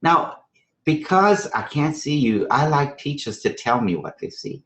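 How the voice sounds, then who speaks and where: This clip has a slight hiss or hum and echoey room acoustics. The speaker, a man from Trinidad and Venezuela, presents a math strategy session live to teachers in a high-leaning, very animated, slightly bright voice at an unhurried pace. His style is emphatic and conversational, with rhetorical questions and constant check-ins like "right?"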